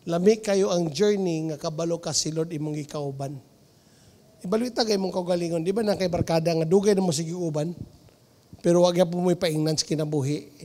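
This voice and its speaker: A man with a Filipino Cebuano accent, preaching a sermon as pastor, lively and mixing in English phrases. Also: a little high, in a large hall. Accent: Filipino, Cebuano-speaking region.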